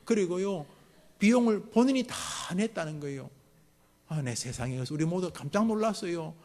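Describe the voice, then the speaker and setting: A man's voice: sits high, a little fast. A middle-aged man, a pastor giving a sermon to a mothers' prayer meeting, joking and acting out scolding parents. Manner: lively, jokes with the congregation and acts out parents' scolding.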